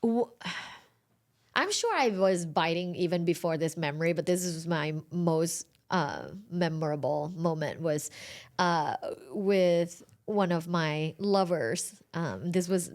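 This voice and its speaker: A woman's voice: on the low side, takes it slowly. A woman in her thirties guesting on a podcast, telling stories in a casual chat and laughing often. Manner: laughs often, animated storytelling.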